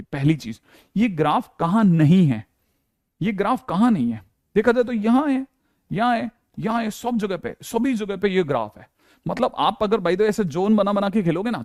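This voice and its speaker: Chatty, fairly high-voiced male maths teacher. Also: darkish tone, no room sound, clean studio sound. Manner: chatty, repeats "ठीक है" often, acts out students' questions. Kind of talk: classroom lecture at a board.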